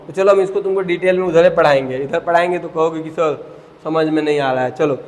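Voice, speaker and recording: A man's voice: a little high, fairly quick, darkish tone. A young man teaching a biology lecture, chatty and joking, calling his students "beta". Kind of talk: classroom lecture. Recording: reverberant classroom.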